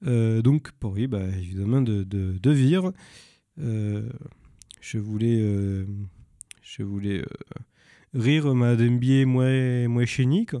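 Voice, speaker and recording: A man speaks slowly in a smooth, mellow voice, stopping often to search for words in a language that is not his own. He is recommending films in a dry, close recording. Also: medium pitch, no room sound. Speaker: film presenter. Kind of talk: informal spoken film recommendations.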